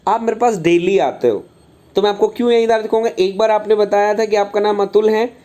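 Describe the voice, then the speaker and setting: A man's voice: high voice, brisk, warm tone. A man teaching a live online engineering class. He speaks in a fatherly way, calls his students "beta", repeats his phrases and answers chat comments aloud. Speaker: engineering exam tutor.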